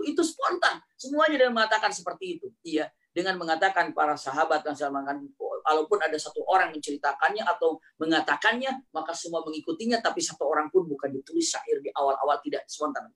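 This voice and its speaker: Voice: mid-range voice, animated, fast talker, a bit bright. A preacher telling a religious story as a sermon, repeating key phrases and asking rhetorical questions.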